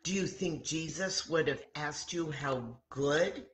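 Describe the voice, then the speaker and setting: Through a roomy-sounding home webcam in her kitchen, a 60-something woman reads aloud to children as a church story time host. Her voice sits low, and she uses plain, deliberate wording with many pauses.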